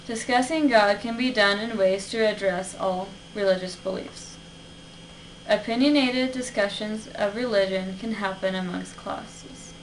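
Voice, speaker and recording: Young woman, student, earnest and orderly in a persuasive class speech, mid pitch, camera across the room. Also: a little slow. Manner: earnest, structured delivery. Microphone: camera at a distance. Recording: distant camera with faint hiss.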